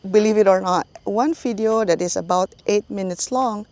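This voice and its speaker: Speaking at a moderate pace, this woman has a medium-pitched voice with a darkish tone. She's a middle-aged YouTube channel host with a Singaporean English accent, giving a casual voiceover to viewers and frequently breaking into laughter mid-sentence.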